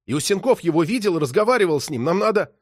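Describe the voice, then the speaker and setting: A man reading an eager young detective who pushes his words out loud and high with urgency. The voice is raised in pitch and dry. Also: expressive, measured pace, breathy edge, no room sound. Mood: urgent.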